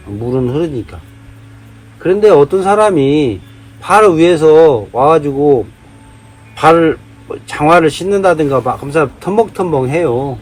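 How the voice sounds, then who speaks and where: A man's voice: on the high side, darkish tone. A man from Jeolla giving a heated monologue, firing off rhetorical questions. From Jeolla, South Korea. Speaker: vlogger. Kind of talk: casual monologue, day-drinking rant.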